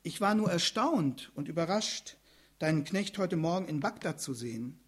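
A man voicing Death as a calm, matter-of-fact figure in a told legend. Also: a little high, moderate pace, husky. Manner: matter-of-fact, quietly surprised. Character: calm, amused Death, unhurried.

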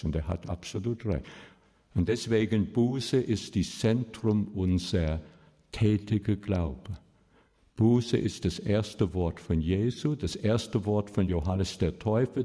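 A man with a fairly low voice preaches a sermon, pressing his points with emphatic rises. His words ring out with a long, echoing reverb, as if spoken in a large church. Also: warm tone. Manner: emphatic, rising sharply when stressing a point.

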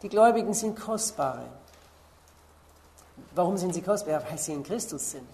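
A woman preaching a sermon, slowly stressing key words and pausing to look up Bible verses. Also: on the low side, lively intonation, vocal fry, dark tone.

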